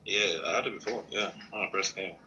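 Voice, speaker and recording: A man in his thirties in a casual group chat, excitable and prone to stammered restarts. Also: sits low, fairly quick, dull audio, noisy background. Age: 30s. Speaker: livestream participant.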